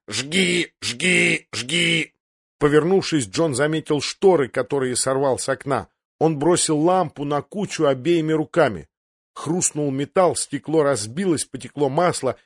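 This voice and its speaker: A man's voice: medium pitch, no echo. Man narrating an audiobook, dry sound. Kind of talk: scripted narration.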